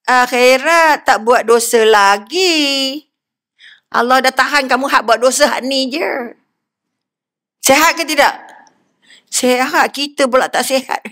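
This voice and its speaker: An older woman with a Malaysian Malay accent giving a lively religious lecture, often putting questions to her audience. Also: high-pitched, takes it slowly, long pauses. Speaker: religious speaker.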